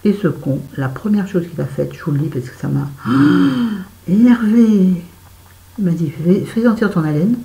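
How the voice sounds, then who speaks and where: A woman's voice: on the low side, animated, normal speed, vocal fry, dark tone, roomy sound, low-quality recording. A woman telling a story to her viewers in a casual vlog while doing her make-up, chatty and swearing freely. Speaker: vlogger. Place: bedroom at home.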